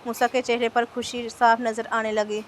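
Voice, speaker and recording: A woman narrating a romance novel aloud, in a flat, even reading voice. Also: a little high, moderate pace, slight background noise.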